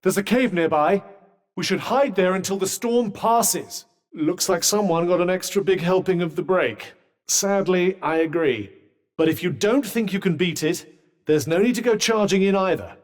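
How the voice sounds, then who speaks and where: An actor with a British accent voicing an urbane, dry-witted, sardonic magic cuff in a video game, speaking in a formal, articulate way. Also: male voice, high voice, normal speed, natural voice. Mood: measured advising. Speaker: video game companion character. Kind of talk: scripted game dialogue.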